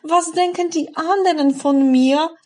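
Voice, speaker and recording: A woman's voice: extremely high pitch, measured pace, darkish tone, voice pushed up. A woman voicing an anxious female language learner who frets about her own mistakes. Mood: worried. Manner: fretful, rising complaint.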